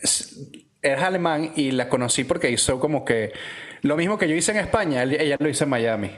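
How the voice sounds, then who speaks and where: A man, co-hosting a podcast, telling stories in a relaxed, slangy way with frequent restarts. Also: a little high, fairly quick. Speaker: podcast co-host. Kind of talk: casual chat.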